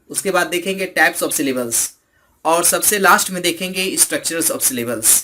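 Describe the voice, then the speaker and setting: A man teaching an English lesson, mixing in another language and slowly stressing each example word. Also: a little high, pushed and bright, slight background noise.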